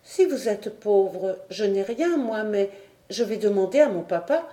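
A woman reading a storybook, voicing a naive, gentle young girl close to her own voice. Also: mid-range voice, expressive, unhurried, close to an everyday voice. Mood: innocent. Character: simple, candid young girl, painter's daughter. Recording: roomy echo.

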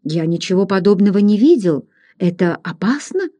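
An anxious young gentleman, voiced by a woman reader, asking worried questions in a mellow, warm tone. A storybook hero shaken from sleep. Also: mid-range voice, sing-song, moderate pace.

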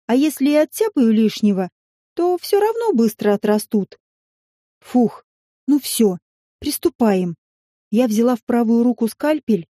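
A woman narrating a novel in the first person with a lively, expressive reading. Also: fairly high pitch, dry recording, studio quality. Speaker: audiobook narrator.

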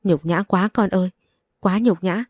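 A woman's voice: medium pitch, unhurried, a little mellow, no room sound, clean studio sound, lightly acted. A woman voicing a stern middle-aged mother who scolds and laments. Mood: scolding.

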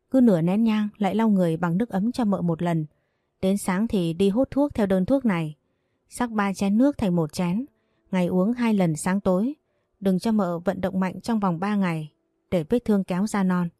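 A woman voicing a calm old male village healer who gives slow, careful instructions. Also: mid-range voice, dry recording, studio quality, close to an everyday voice. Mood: instructive.

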